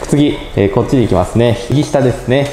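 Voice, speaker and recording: A man's voice: mid-range voice, brisk, warm tone. A young man chatting casually as he walks through a phone app step by step, politely narrating each move and thinking aloud. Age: young adult. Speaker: presenter of a robot pet channel. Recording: echoey indoor room with faint music.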